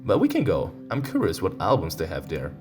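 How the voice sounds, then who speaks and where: With guitar playing in the background, a let's-play host reads from a visual novel in a low voice at a brisk pace. His reading is punctuated by lively, teasing asides.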